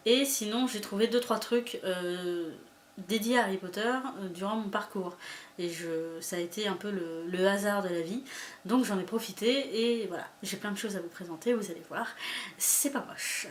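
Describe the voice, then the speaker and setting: A woman's voice: medium pitch, moderate pace. Young woman rambling through her book haul, lots of ums, echoey room with a bit of background hiss. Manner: chatty, hesitant with frequent fillers. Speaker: booktuber. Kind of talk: casual book haul vlog. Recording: echoey room with faint ambience.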